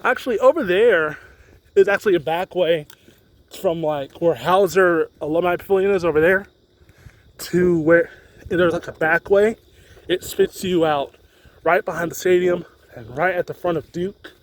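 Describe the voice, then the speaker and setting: Higher-voiced young man rambling outdoors. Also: moderate pace. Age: young adult. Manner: rambling, off-the-cuff. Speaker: student vlogger. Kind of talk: casual walking vlog chat. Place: outdoors on a campus street. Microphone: handheld phone. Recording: faint outdoor street noise.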